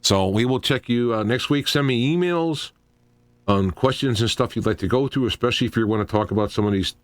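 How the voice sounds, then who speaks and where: A middle-aged host of an informal solo radio talk show speaks at a medium pitch with no echo. He thinks aloud, halting and digressing as he goes.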